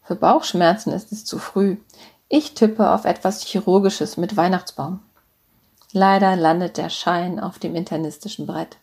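A woman reading a first-person short story aloud in a calm, even storytelling manner. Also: on the low side, measured pace, gravelly.

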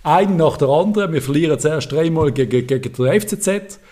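A man's voice: a little high, brisk, a little mellow. A man with a Swiss German accent ranting heatedly about his football club, swearing as he co-hosts a podcast. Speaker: podcast co-host. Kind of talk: casual football chat.

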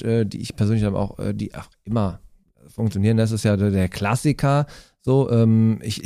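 Male comedian guest, low dark voice, chatty anecdotes full of fillers. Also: dry recording, clean studio sound. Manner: animated, many fillers, acts out voices. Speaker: guest, stand-up comedian and hairdresser. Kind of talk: comedic storytelling in conversation.

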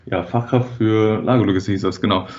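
A man from the Hamburg area in his thirties, a freight dispatcher answering interview questions casually, hesitant with many fillers and quick to laugh. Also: lowish voice, fairly even intonation, darkish tone, dull audio. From Hamburg area, Germany.

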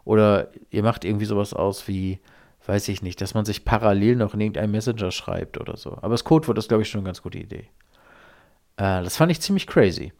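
A man's voice: lowish voice, fast, a little mellow. A man hosting a solo podcast, talking casually and rambling, with offhand swearing. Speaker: podcast host.

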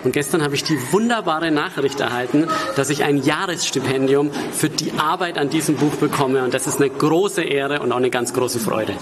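A man's voice: fairly high pitch, moderate pace, hardly any pauses, background noise. A man in his forties with a Franconian accent and a rolled r, answering conversationally as an interview guest. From Franconia, Germany. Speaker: poet and author, interview guest.

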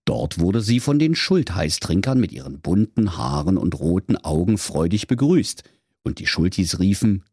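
A man narrates a comic fairy tale in a mock-solemn storybook tone. His voice is low and husky, with a very wide swing of pitch. The sound is close and dry. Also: big pitch swings, moderate pace, a little mellow, no room sound.

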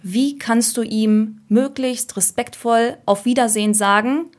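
A woman's voice: fairly high pitch, steady tone, unhurried. Chatty woman full of fillers. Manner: thoughtful, frequent fillers, acts out examples. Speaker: guest, UX writer. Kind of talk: casual podcast conversation.

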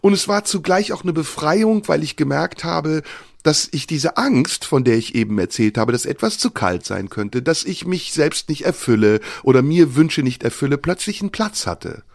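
A man telling a listener a personal story, reflective and unhurried, often pausing with fillers. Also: on the high side, lively intonation, vocal fry, dry recording, studio quality.

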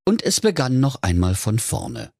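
A middle-aged Saxon storyteller reads a comic fairy tale with a husky, low voice. His delivery swings lively up and down as he turns to the children. The sound is dry and close. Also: moderate pace, no echo. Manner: playful, addresses the children.

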